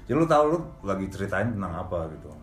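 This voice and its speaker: A man's voice: low voice, sing-song, quick pace, reverberant, soft background music. A news anchor man talking casually about his work, slipping English phrases into his speech and laughing often. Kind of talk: casual podcast interview.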